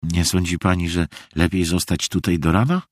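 Man voicing a calm grown-up mother, quiet and measured, slightly husky, dry close sound. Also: low voice, no room sound.

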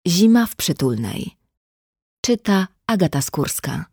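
A woman narrating an audiobook in a measured, even reading. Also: on the low side, slightly rough, no room sound, studio quality. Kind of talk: scripted narration.

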